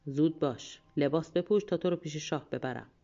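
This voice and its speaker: A woman's voice: low-pitched, dark tone, dull audio, pitched below the performer's own voice. A woman voicing a rude, curt royal officer in a storybook. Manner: curt, bossy.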